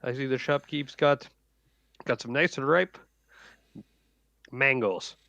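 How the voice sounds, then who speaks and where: A man's voice: medium pitch, slow, vocal fry, pushed and bright, no room sound. A man playing a tabletop game, hesitant with many ums and uhs. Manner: hesitant, filler-laden. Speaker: player. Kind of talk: in-character play at the table. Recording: dull dry lo-fi mic.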